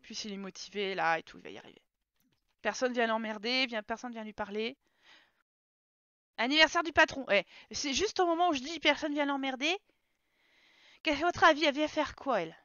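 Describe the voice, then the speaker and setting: Woman streamer, high bright voice, chatty live play-by-play, talks to her characters. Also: fairly quick, pauses often, clear, resonant tone, no room sound, lo-fi sound. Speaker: game streamer. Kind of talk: casual live gameplay commentary.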